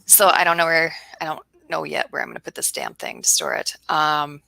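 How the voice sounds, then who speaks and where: A woman's voice: low voice, sing-song, a little fast, gravelly, pushed and bright, low-quality recording. A woman co-hosting a podcast, chatting casually in an upbeat, matter-of-fact way. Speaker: podcast co-host. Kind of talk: casual chat.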